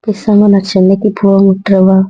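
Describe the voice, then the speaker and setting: A woman's voice: medium pitch, monotone, normal speed, warm tone, no echo, close to an everyday voice. Young woman as guilt-ridden, pleading wife, dry, muffled lo-fi audio-drama role-play. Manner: pleading, repeating apologies. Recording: dull lo-fi recording, dry.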